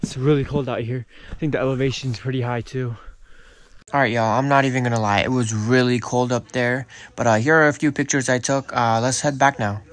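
A man's voice: medium pitch, fairly even intonation, a little fast. A man vlogging a road trip, chatting casually to viewers and calling them y'all. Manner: laid-back, addresses viewers as y'all. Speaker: travel vlogger. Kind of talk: casual chat to camera. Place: outdoors on a mountain road trip and in a car.

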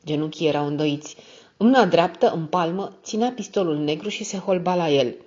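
A woman narrating an audiobook in a steady, even reading style. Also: on the low side. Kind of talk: scripted narration. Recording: dull lo-fi audio.

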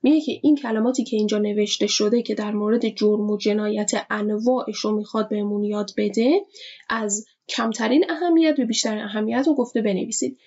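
A woman teacher giving a vocabulary lesson, explaining words slowly and repeating each one with its meaning. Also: medium pitch, a little mellow, breathy edge. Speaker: English teacher. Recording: dull lo-fi recording.

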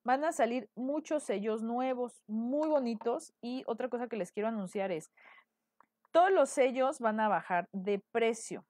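A woman's voice: on the high side, measured pace, darkish tone, no room sound, studio quality. A woman with a Mexican accent, a decorative painting teacher, chatting through a live painting tutorial and checking in with her viewers often. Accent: Mexican Spanish.

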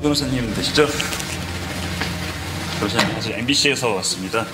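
A man's voice: fairly low pitch, brisk. A man working as a reporter, pressing someone with polite but persistent questions on location. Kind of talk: doorstep interview. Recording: echoey field recording with noise.

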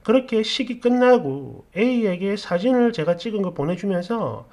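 A woman narrating a reader-submitted personal story in the first person, in an expressive storytelling manner. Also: medium pitch, a little slow.

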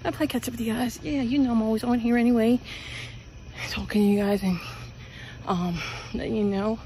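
Her voice is on the high side yet dark, steady, and fairly quick: a middle-aged Pennsylvanian vlogging on a night-time suburban walk, rambling and filling pauses. She records through an earbud mic with the phone at arm's length, picking up a little hiss or hum.

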